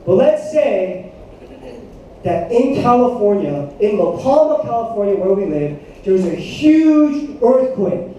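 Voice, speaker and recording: A man in his thirties preaches to a youth group, telling stories with lots of energy and asking the room to answer back. His voice sits high but sounds mellow and soft-edged. He is heard from some distance in a very echoey hall. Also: takes it slowly, slight background noise. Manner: animated storytelling, asks the room for responses. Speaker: youth pastor. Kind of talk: sermon. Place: church hall.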